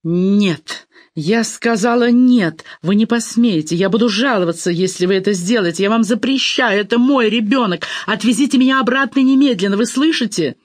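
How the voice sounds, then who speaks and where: A woman's voice: deep voice, slow, no echo, studio quality. A reader voicing a frightened young woman who defiantly refuses an operation, in an audiobook. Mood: panicked defiance. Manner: pleading, then defiant. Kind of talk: audiobook dialogue.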